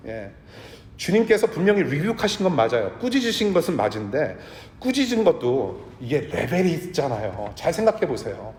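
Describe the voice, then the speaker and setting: A man preaching a sermon to his congregation in a church, talking in a conversational way and sometimes dropping to a hush. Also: fairly high pitch, sing-song, normal speed. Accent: Korean with English words mixed in. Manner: conversational preaching, drops to a hush for tender lines. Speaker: pastor. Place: church sanctuary. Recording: echoey church hall.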